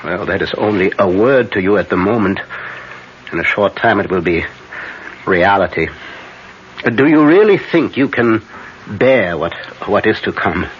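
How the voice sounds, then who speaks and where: An actor playing a grave, commanding vampire-hunting professor in an old radio drama, speaking deliberately and haltingly with solemn weight. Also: male voice, lowish voice, lively intonation, natural voice. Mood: grave, stern. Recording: muffled, noisy vintage radio recording.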